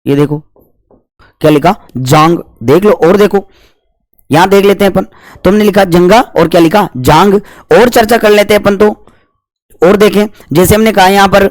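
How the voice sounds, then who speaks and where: A man's voice: high voice, moderate pace, pauses often, dry recording, clean studio sound. A man teaching a Hindi grammar lesson for exam preparation. He asks questions and answers them himself, and he stretches out syllables to demonstrate pronunciation.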